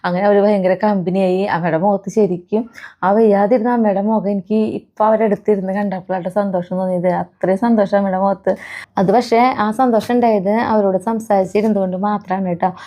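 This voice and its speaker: Fast-talking, chatty Malayali woman vlogger. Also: mid-range voice. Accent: Kerala Malayalam. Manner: chatty, frequent "kēṭṭō" asides to viewers; soft baby-talk when addressing her pets. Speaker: family vlogger. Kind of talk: casual vlog talk to camera.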